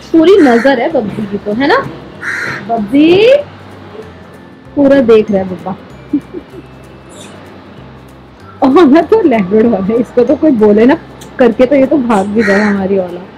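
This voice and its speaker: A woman hosting a casual vlog, playfully cooing and baby-talking to her dogs. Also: fairly high pitch. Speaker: vlog host. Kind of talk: casual vlog talk to camera and pets.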